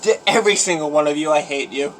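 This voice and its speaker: A man vlogging a gross eating challenge, his voice sitting a little high for a man. He moans, grumbles and over-dramatizes his suffering between bites. It is a casual phone recording at home with a faint hum of noise underneath. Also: fast, fairly bright tone, poor audio. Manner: groaning, self-pitying and exaggerated.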